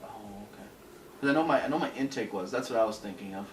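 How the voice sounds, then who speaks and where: A man's voice: medium pitch, animated, quick pace, distant mic, slight background noise. A man chatting casually about cars, somewhat hesitant and inquisitive. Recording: echoey, off-mic, loud music behind.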